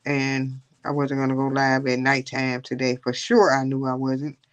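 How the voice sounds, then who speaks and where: A woman's voice: rumbling low, level tone, normal speed, muffled recording. A woman hosting a casual coloring livestream, rambling and chatting with her viewers. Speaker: livestream host.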